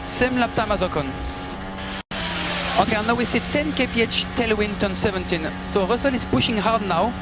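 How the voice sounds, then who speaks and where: A high-pitched man at normal speed works the radio as a race engineer, courteous and brief as he instructs and gives gap updates. Car and engine noise is loud throughout the transmission.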